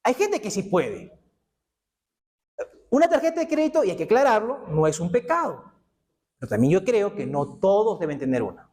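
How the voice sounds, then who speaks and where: High, lively male pastor preaching. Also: normal speed, pauses often. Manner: preaching with rhetorical questions he answers himself. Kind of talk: sermon.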